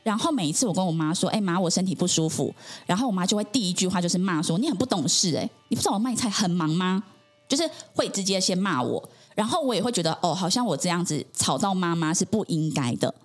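A woman's voice: lowish voice, animated, fast talker, few pauses, faint music behind. A woman, a podcast guest earnestly telling her personal story in conversation, with frequent affirming interjections.

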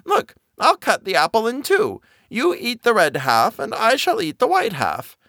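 A man doing a shrill, envious wicked queen. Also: wildly swooping pitch, measured pace, sharp tone, no room sound, clean studio sound, full character voice. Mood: coaxing. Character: wicked vain queen, middle-aged woman, envious.

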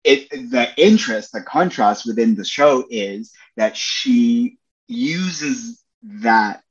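A young Australian Broadway performer chats as a guest on a podcast, enthusiastic and peppering his speech with "like" and "you know." His medium-pitched voice is expressive and slow, and the casual interview has lo-fi sound.

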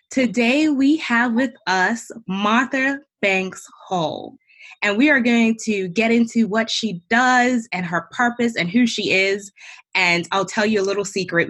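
A woman's voice: medium pitch, a bit bright, husky. A woman hosting a faith-based podcast, reading a guest introduction and chatting in an upbeat way. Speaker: podcast host.

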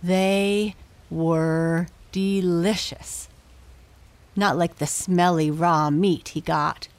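A woman tells a bedtime story in a gentle, low voice. She takes her time over every phrase and leaves long pauses between them, so the telling feels very slow. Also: steady tone, no echo.

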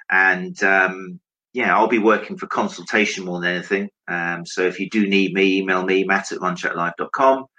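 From his home office, a man casually hosts an online interview, speaking informally to both viewers and his guest as he introduces things to camera. His voice is deep with a sharp tone, and the recording quality is low.

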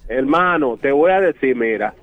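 A man's voice: medium pitch, expressive, normal speed, over a noisy crowd. Dominican man telling a story on a tinny phone line. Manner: streetwise, slangy, swaggering storyteller. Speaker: Uber driver calling in. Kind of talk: telling an anecdote on a radio show.

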